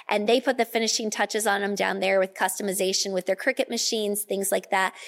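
A woman's voice: mid-range voice, gravelly. A woman giving an informal spoken presentation as a school official at a meeting.

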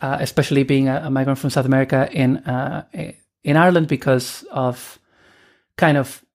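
A woman's voice: extremely low pitch, steady tone, moderate pace, a little mellow. A woman in her thirties from Argentina, a podcast guest talking casually and hesitantly, with many fillers and restarts. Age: 30s. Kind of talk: casual conversational interview.

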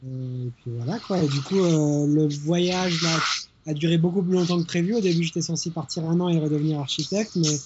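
A man's voice: on the high side, fairly even intonation, brisk, lo-fi sound, background noise. A man from France speaking as an interview guest over a remote call line, in an easygoing way with many hesitations. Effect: heard over a remote phone or internet call line. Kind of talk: casual interview chat. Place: small hotel in the mountains.

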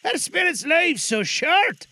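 A man doing a high, startled old miser. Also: big pitch swings, slow pace, pushed and bright, exaggerated voice. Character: the fearful old miser, male, anxious.

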